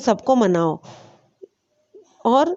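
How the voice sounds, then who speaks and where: A woman's voice: on the high side, lively intonation, a little mellow, close to an everyday voice. Brief: woman voicing a selfish young man, pushy and coaxing, dull audio. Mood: pressing. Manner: pressing, coaxing.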